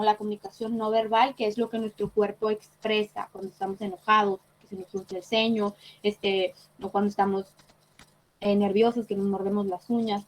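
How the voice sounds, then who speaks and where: A woman's voice: medium pitch, rough recording. Woman teaching an online class. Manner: explains patiently, checks with frequent tag questions. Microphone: computer mic on a video call.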